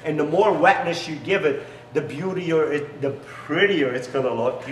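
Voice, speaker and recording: A middle-aged man who isn't a native English speaker gives an enthusiastic promotional demo as a business founder in a large, echoey garage, his salesy pitch coming out in broken phrasing. He talks at normal speed, picked up by a camera mic a few steps away, with slight background noise.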